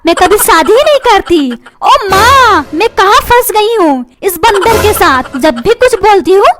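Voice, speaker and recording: A woman's voice: very high-pitched, lively intonation, measured pace, noisy background. A woman voicing a nagging cartoon mom. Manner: complaining, demanding, repeats questions. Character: nagging quarrelsome mother, doting on her son. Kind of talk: cartoon comedy voice acting. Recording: background music.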